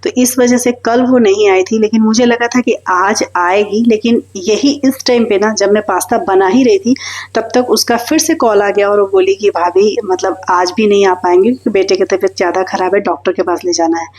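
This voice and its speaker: A middle-aged woman from India, hurriedly talking through her day in a rambling, chatty vlog voice-over, recorded in a quiet room. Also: mid-range voice, steady tone. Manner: rambling, hurried chatty talk with frequent fillers. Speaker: housewife vlogger.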